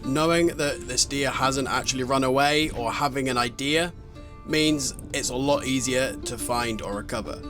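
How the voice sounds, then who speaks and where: Guitar music plays clearly behind a man's voice-over. He tells the story in the first person as a vlog narrator, at a medium pitch. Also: moderate pace.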